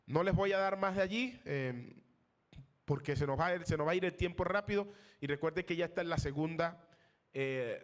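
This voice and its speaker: Pastor teaching, higher-pitched man. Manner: rising emphasis on key terms, asks questions to the class; pauses with fillers, searches for names. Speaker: pastor teaching a theology class. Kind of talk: classroom lecture.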